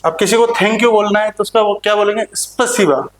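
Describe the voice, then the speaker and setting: A man teaching a playful lesson to students, repeating words slowly and joking with them. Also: sits high. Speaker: language teacher. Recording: echoey room.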